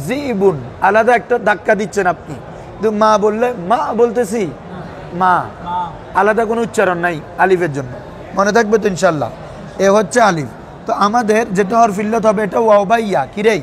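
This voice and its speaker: A man's voice: high-pitched, quick pace, slight background noise. A man teaching Arabic grammar to a class, constantly asking students questions and waiting for them to answer. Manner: quizzes students with a recurring "what is it?" tag. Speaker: madrasa teacher. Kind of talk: classroom lesson with call-and-response questions.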